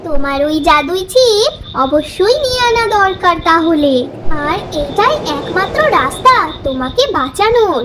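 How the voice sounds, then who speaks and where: A woman's voice: extremely high pitch, sing-song, normal speed, noisy background. A woman voicing a brave, protective little mother tailorbird in a cartoon story, speaking with determination. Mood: determined. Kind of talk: cartoon voice acting.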